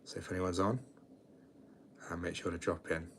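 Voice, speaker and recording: A twenty-year-old British man with a low, deep voice talks to his livestream in a relaxed, rambling way, often restarting his sentences. Faint background noise sits under his voice. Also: normal speed. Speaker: livestream host. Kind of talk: casual late-night livestream chat.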